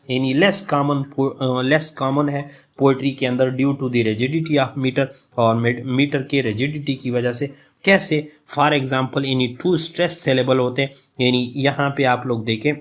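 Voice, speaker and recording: A male college professor giving a recorded literature lecture, explaining slowly and reading example words aloud with strong stress, mixing Hindustani with English terms. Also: mid-range voice. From Jammu and Kashmir, India. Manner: mixes Hindustani with English terms, frequent filler 'yaani'.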